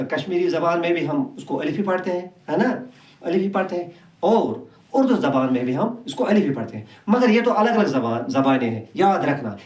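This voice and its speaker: A Kashmiri man whose first language is Kashmiri, teaching an Urdu lesson. He repeats each sound slowly and answers his own questions. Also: high-pitched. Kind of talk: classroom lesson. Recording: echoey room, far from the mic.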